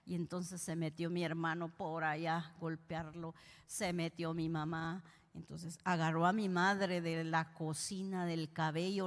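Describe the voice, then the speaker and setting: A woman's voice: mid-range voice, bright, forceful tone. Female preacher, heartfelt testimony, long hall echo on the voice. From Guatemala. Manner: emotional, addresses listeners directly. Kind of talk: testimony sermon. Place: church hall.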